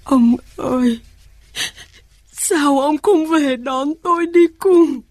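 An actress playing a lonely eighty-year-old mother in a radio drama, speaking slowly and plaintively with a husky voice. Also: medium pitch, animated, no echo, clean studio sound. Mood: grieving. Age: 80s. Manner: slow, plaintive, tearful.

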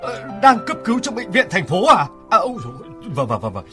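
An actor playing an anxious middle-aged son in a radio drama, talking in a hurried, fussing way with a husky voice. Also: male voice, high-pitched, wildly swooping pitch, bright, forceful tone, soft background music, exaggerated voice. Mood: alarmed.

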